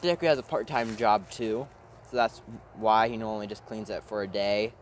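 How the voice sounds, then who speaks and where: A man's voice: on the low side, fairly even intonation, normal speed, a little hiss or hum. A man casually narrating a made-up fan story, rambling, with fillers and the odd swear word.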